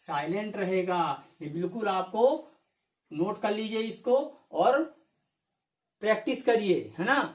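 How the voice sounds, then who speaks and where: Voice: mid-range voice, measured pace. An English teacher giving a video lesson, repeating each rule and asking the viewer rhetorical questions before answering them. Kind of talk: classroom-style video lesson. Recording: echoey room.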